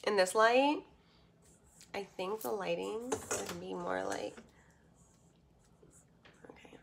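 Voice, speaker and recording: Casting: young female livestreamer, slow and halting, casual chat, heavy vocal fry, faintly noisy phone audio. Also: mid-range voice. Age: young adult. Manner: halting, reading and answering viewer comments. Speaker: livestream host and model. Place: small bedroom, indoors. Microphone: phone at arm's length.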